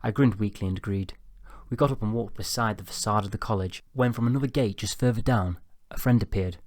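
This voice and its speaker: A man reading a first-person novel aloud in a calm, low-key storytelling manner. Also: brisk, dry recording, studio quality. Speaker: audiobook narrator. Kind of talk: first-person audiobook narration.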